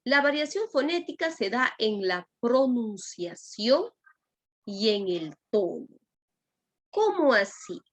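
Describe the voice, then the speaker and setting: A Peruvian woman teacher with a Lima Spanish accent lectures her class slowly in a fairly high, very animated voice. She speaks straight to her students and keeps checking in with "¿no?" and "¿ya?"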